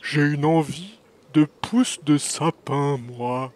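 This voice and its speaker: A man voicing a big, casual, evasive male moose with a deep, drawling voice in a children's audio story. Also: slow, a little mellow, a little hiss or hum. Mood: easygoing.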